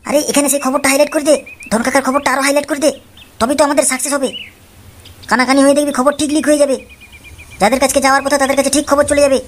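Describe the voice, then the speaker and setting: A woman's voice: high voice, little pitch movement, rapid-fire, slight background noise, lightly acted. A woman voicing a timid boy sidekick in a cartoon, who talks in a nervous, whiny way. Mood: eager.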